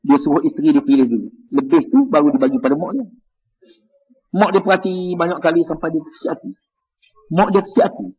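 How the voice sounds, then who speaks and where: Malaysian Malay male preacher, high husky voice, dull lo-fi mosque recording. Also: quick pace. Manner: lively, rhetorical questions, frequent "ya". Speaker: religious teacher. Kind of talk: mosque evening lecture.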